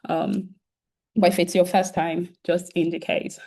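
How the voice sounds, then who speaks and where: The founder and host of a virtual career event gives a casual welcoming talk to students over a video call, addressing them directly. She has a sore throat and coughs now and then, speaking in a lower register with some vocal fry, a flat, measured delivery and a warm tone. Her speech is full of "um" fillers and restarts.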